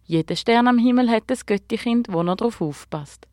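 A woman voicing a kindly, clumsy male guardian star who has fallen to earth, speaking gently and explaining patiently in a storybook tale. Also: on the high side, moderate pace, no room sound, studio quality, pitched above the performer's own voice, close to an everyday voice.

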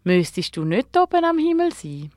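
Casting: a bright, curious young girl with a lilt, lively and higher voiced, as a woman puts her on. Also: normal speed, no echo, clean studio sound.

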